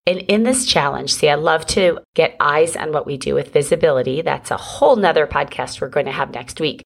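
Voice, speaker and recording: A middle-aged woman with a low voice hosts a solo podcast. She talks in a chatty, encouraging way and calls her listeners friends. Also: fairly quick, creaky. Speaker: podcast host and business coach.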